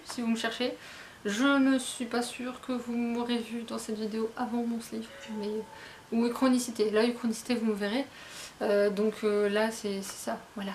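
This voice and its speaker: A woman with a fairly high voice chats her way through a book haul at home. She sounds tired, rambles, stumbles over her words and laughs at herself, with a faint hiss of room noise behind her. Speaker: book vlogger. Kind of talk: casual book haul vlog. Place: at home, indoors.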